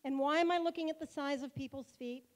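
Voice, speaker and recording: At a banquet in a car museum hall, the synagogue president gives a warm, joking speech in a playful manner. She has a high-sitting voice, a steady tone and a fast delivery.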